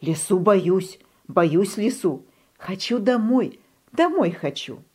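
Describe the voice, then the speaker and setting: A woman voicing a frightened, whiny lost little duckling in a high, squeaky, whining voice for a children's storybook reading. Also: animated, slow pace, a little mellow, breathy edge.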